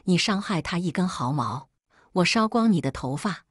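A woman's voice: fairly low pitch, expressive, moderate pace, slightly rough, dry recording, clean studio sound. A woman voicing a blunt, protective young man in a read-aloud story.

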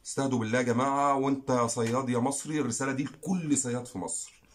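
A man's voice: medium pitch, fairly even intonation, rapid-fire. A man with an Egyptian Arabic accent, hosting a fishing channel and making an earnest, pleading direct-to-camera appeal, repeating phrases for emphasis.

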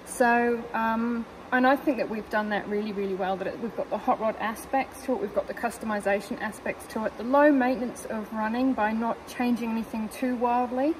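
Chatty New woman, higher voice. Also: fairly even intonation, fairly quick, few pauses, noisy background. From New Zealand. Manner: chatty, giggly, rambling with many fillers. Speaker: car owner guest. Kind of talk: casual chat. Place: in a parked car.

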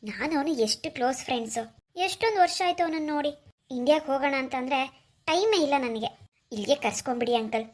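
A woman's voice: high-pitched, animated, quick pace. A woman playing an eager, pleading young woman. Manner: bright, coaxing, pleading. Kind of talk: cartoon voice acting.

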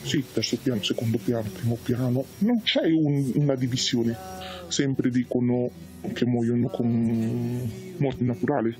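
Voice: medium pitch, unhurried, dark tone, soft background music. Distorted anonymous voice, blunt and insistent. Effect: voice electronically distorted to hide identity. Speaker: anonymous care home worker speaking out. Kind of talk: anonymous interview in a TV news report.

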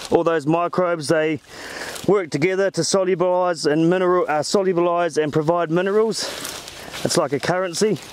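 A man's voice: fairly high pitch, a little hiss or hum. A man walking through a crop field outdoors, chatting enthusiastically to a handheld camera. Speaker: farm advisor.

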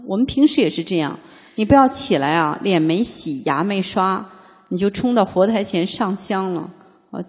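A woman Buddhist teacher gives a conversational dharma lecture, her voice a little husky and breathy at a mid pitch. She lingers over classical lines, then unpacks them in easy, filler-laden talk. A long hall reverb trails behind her words. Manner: reads a classical passage slowly, then explains it in plain speech; chatty, frequent "啊" fillers and rhetorical questions.

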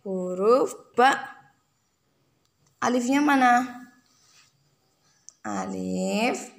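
A woman speaks in a playful, sing-song way as she coaxes a toddler in a family vlog. Her voice sits a little high with a gravelly edge, and she talks slowly. The recording has the echo of a room at home. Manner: playful, sing-song prompting with repeated words. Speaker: parent vlogger. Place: at home indoors.

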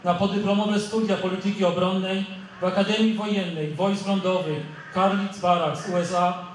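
A man's voice: high voice, little pitch movement, normal speed. A military officer, a man, formally reading official orders into a stand microphone at an outdoor ceremony. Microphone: stand microphone through loudspeakers. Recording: echoing outdoor PA, distant, faint noise.

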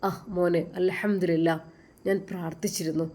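A woman's voice: on the low side, steady tone, moderate pace, mellow, natural voice. A woman doing a caring, determined older lady. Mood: concerned.

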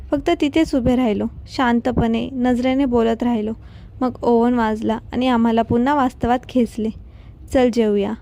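A woman reads a romantic story aloud in a steady, even narration. Her voice sits fairly high with a soft, mellow tone.

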